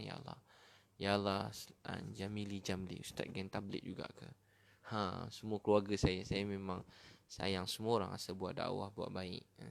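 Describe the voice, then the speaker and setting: A middle-aged male preacher with a Malaysian Malay accent talks in a loose, conversational way. His voice sits fairly low with a gravelly, creaky edge. He turns to his listeners often and drops into a hushed tone when he prays. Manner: conversational, addresses listeners as brothers and sisters. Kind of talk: casual religious talk.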